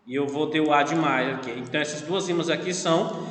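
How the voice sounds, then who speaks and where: A man's voice: on the high side, fast, fairly bright tone. A male literature teacher with a Brazilian accent, lecturing an online class patiently and often checking in with his students. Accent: Brazilian Portuguese. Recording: echoey room with long reverb.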